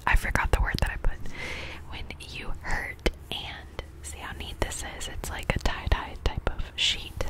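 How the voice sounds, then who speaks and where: A woman gives a whispered ASMR pep talk of affirmations, breathy and close to the mic, casual and candid, repeating words for effect. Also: unhurried, low-quality recording. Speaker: ASMR video host. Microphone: close-up microphone.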